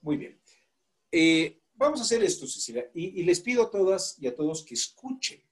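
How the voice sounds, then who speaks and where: A man's voice: sits high, big pitch swings, normal speed. A man with a Mexican accent teaching a law class, asking the students questions and coaxing volunteers to read aloud. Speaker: law course instructor. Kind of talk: classroom lecture.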